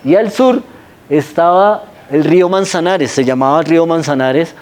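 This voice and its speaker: A man's voice: fairly high pitch, a little mellow. A man from Colombia with a Bogotá accent, guiding students through a historic city map in a conversational way and often checking in with his listeners. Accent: Bogotá Spanish. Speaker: guide.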